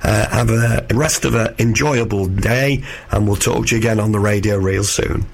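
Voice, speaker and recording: A man with a croaky, frog-like hoarse voice, presenting a radio quiz in a chatty, encouraging way. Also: fairly low pitch, normal speed, a little hiss or hum. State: hoarse, voice partly lost.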